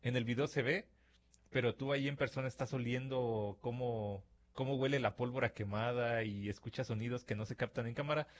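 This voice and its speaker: This radio-style podcast host from Mexico, with a Mexican Spanish accent and a medium-pitched voice, delivers a reflective monologue to his listeners at a studio mic. He keeps things conversational, playing out imagined dialogues full of fillers.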